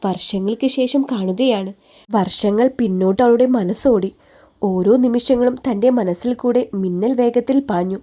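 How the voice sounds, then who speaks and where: Mellow-voiced woman narrating a story. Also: mid-range voice, moderate pace.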